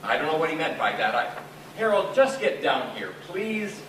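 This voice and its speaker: A nervous scientist stammers through an urgent call in a fairly high voice, as an actor plays him. He is heard from far off in a roomy echo, with clear hiss behind. His words tumble out in a hurry. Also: very animated. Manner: stammering, hurried. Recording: echoey stage recording from far off, hissy.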